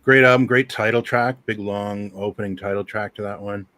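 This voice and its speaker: His voice sits on the low side with a steady, fairly bright tone and a moderate pace, captured without echo. The Southern Ontario radio host rambles casually over his music choices on a livestream, sprinkling in many ums.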